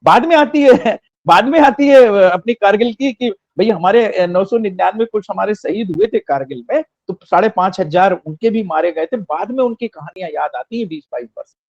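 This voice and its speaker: With a high but darkish voice at a normal speed and hardly a pause, this man gives fervent, rhetorical political commentary, driving points home by repeating phrases. The sound is close and dry with no room echo, a little dull and muffled.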